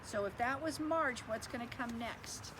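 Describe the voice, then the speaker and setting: A woman teacher reads a picture book to children with lots of expression, stopping to explain things and ask them questions. Her voice is fairly high and a little slow, and heavy background noise fills the recording.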